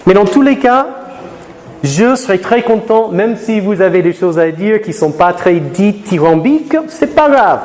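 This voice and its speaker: A man from Florida lecturing students in a lecture room, lively, and slowing to careful English for learners. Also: sits high. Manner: lively, switches to slow deliberate English for learners. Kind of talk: classroom talk to students. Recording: reverberant hall with faint noise.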